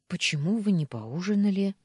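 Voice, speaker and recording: A woman voicing a caring young female housemaid friend who speaks in a gentle, probing, calmly teasing way. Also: mid-range voice, moderate pace, husky, dry recording, studio quality, voice pushed up.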